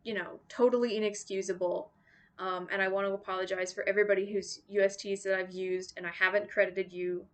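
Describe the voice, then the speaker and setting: A woman's voice: medium pitch, flat delivery, fairly quick. A young woman making a casual vlog to her viewers, rambling and apologetic with lots of ums and likes. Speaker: YouTuber making song covers.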